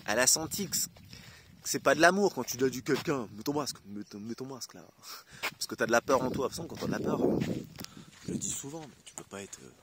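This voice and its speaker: A man's voice: medium pitch, a bit bright, a little hiss or hum. A man from France talking casually to camera in a loose, rambling way, full of fillers. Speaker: vlogger. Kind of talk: casual spiritual monologue to camera.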